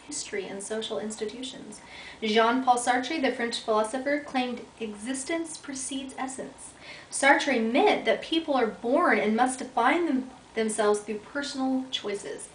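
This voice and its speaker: A young American woman delivers a class presentation, reading from her notes and stumbling into ums and restarts. Her voice sits a little high. It comes from some distance off in an echoey room, with a faint hiss underneath. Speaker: education student. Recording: echoey room, voice from far off, faint background noise.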